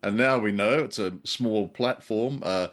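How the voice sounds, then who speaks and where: A man co-hosts a relaxed podcast review, his voice sitting somewhat low. He talks in a wry, unhurried way and chuckles at his own remarks. It is an easygoing discussion between two hosts. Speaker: podcast co-host.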